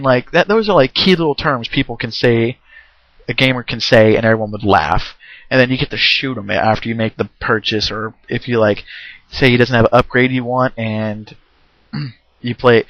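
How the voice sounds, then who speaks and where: A man's voice: mid-range voice, steady tone, brisk, fairly bright tone, dry recording. Rambling man giving a lo-fi game review. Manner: rambling, with many fillers and restarts; frequent throat clearing. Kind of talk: casual spoken game review. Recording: dull, lo-fi home recording.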